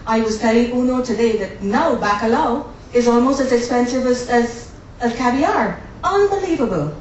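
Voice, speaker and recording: A chatty, jokey woman, born in Guyana and raised in Barbados, hosts a live cooking demo for an audience in a cruise ship's demo kitchen. Her voice is on the high side and expressive, at a moderate pace. The very echoey room, distant mic and faint ambience make the audio dull with slight background noise.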